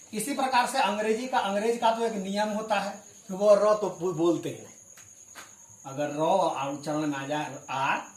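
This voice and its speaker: A man teaching English in Hindi, spelling words out letter by letter and explaining patiently. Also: sits high. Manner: clears his throat now and then. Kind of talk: spoken classroom lesson. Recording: echoey room with crickets behind.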